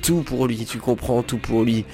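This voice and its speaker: A man's voice: mid-range voice, steady tone, normal speed, dark tone, natural voice. A weary, bitter woman with a drink in her hand, voiced by a male reader without much change. The lines come in a middling, level tone with little melody, and faint music sits underneath.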